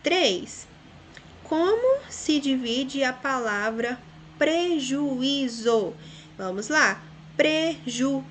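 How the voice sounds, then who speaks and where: A Brazilian woman teacher explains a lesson patiently, one step at a time. She often checks in with short tag questions, and her voice sits a little high. Faint ambient noise sits behind her. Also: very animated, slow, a bit bright. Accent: Brazilian Portuguese. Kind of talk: recorded online school lesson.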